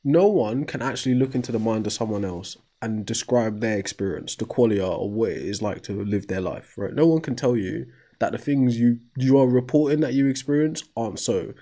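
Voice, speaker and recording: This talk show host takes on a caller in debate, speaking a little fast with hardly any pauses in a mellow mid-range voice. He argues and interjects rhetorically with "right?"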